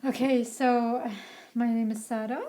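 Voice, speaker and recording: A woman in her twenties, from Syria, co-hosts a relaxed podcast conversation. Her voice sits a touch high with a soft, mellow tone. She talks freely and laughs easily. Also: normal speed, slight background noise. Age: 20s. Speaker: podcast co-host. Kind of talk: casual chat.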